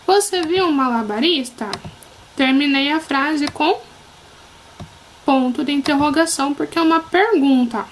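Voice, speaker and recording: A woman's voice: high-pitched, a little slow, a little hiss or hum, rough recording. A woman teacher with a Brazilian Portuguese accent giving a recorded lesson to children, patient and encouraging, often checking that they follow.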